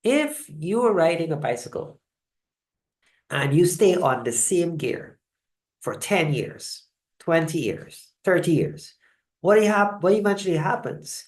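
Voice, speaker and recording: Lady presenting on a video call, chatty and a bit halting, keeps asking right?. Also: on the low side, big pitch swings. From Guyana. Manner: conversational, halting, often checks in with "right?". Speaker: host of a live online wellness session. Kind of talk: live online presentation. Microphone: video call mic.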